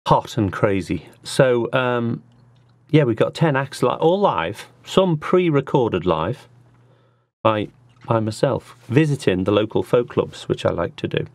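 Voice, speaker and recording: A man's voice: medium pitch, very animated, measured pace, a little mellow, dry recording. A man hosting an online acoustic music show from a small studio, chatting casually and jokily with lots of asides. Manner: rambling and jokey, with restarts and asides. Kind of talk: casual chat.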